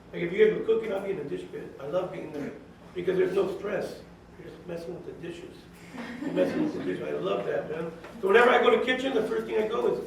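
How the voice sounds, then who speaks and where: Gravelly high-voiced man in an echoey room. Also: a little mellow. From California, USA. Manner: chatty and direct, full of "you know" and retold quotes. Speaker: guest speaker, chef and caterer. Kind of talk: casual talk to a class of students. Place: high school classroom. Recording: very echoey classroom, mic far off, faint hiss.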